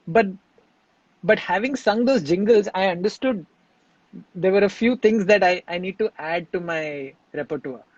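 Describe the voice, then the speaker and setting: A man talks over his singing practice in a relaxed interview. He speaks in a reflective, halting way, restarting his sentences. The sound is dry and a little dull. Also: sits high, no room sound. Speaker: singer and composer, interview guest.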